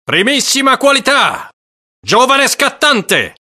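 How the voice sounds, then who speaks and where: A woman reading an audiobook puts on a coarse male auctioneer shouting sales patter. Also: mid-range voice, very animated, moderate pace. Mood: hawking. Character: brash loud male slave auctioneer, coarse.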